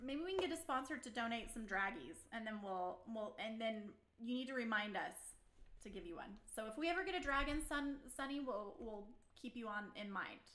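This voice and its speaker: A bubbly young woman co-hosts a live stream in easy, chatty talk and laughs often. Her voice is bright and sits a little high. The room around her is echoey. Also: lively intonation, normal speed. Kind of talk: casual live-stream chat. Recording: roomy echoey sound.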